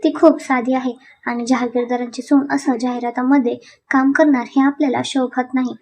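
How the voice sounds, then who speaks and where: A proud, hot-tempered young husband, read by a woman narrator in a storybook serial. He snaps and scorns in a high voice. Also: fairly even intonation, normal speed. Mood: angry. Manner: sharp, scornful, shouting. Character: angry arrogant young husband.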